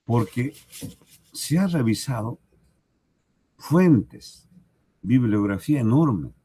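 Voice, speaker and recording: A man with a Peruvian Spanish accent teaching a recorded language lesson, speaking slowly and deliberately, repeating examples and checking in with "right?". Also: mid-range voice, animated, dark tone, slightly rough, no echo. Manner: slow, deliberate, repeats examples and asks "¿correcto?".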